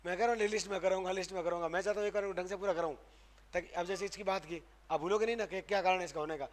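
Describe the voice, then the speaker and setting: A man's voice: sits high, fairly even intonation, very fast. A man teaching grammar to a live class. He keeps firing questions at the students and answers them himself, stressing and repeating sounds to show how they are spoken. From Rajasthan, India. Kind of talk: classroom lecture.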